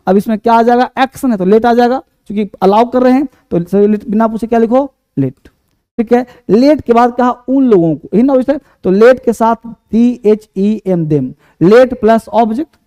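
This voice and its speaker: A man's voice: very high-pitched, warm tone, no room sound. A man teaching a spoken English lesson, repeating example sentences and checking in with his students often. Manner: slow, repetitive drilling with frequent "है ना" checks.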